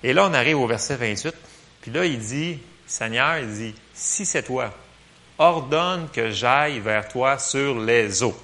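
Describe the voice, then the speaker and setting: Lively preacher with bright Québécois French. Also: male voice, mid-range voice, vocal fry. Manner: lively, joking, fillers. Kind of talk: casual sermon. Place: church.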